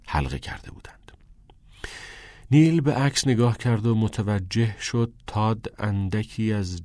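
A man narrating a novel as an audiobook in a measured, even way. His voice sits low. The recording is dry and close, with no room sound. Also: no room sound.

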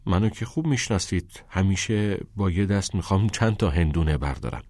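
A man voicing a frustrated, angry teenage student in a novel read aloud, talking in a sharp, scornful way. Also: low voice, expressive, dry recording, clean studio sound. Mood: bitter.

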